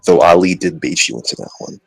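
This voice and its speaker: A man's voice: low voice, quick pace, creaky, rough recording. A man hosting a podcast, joking and rambling in casual banter. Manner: joking, rambling, trash-talking. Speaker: podcast host.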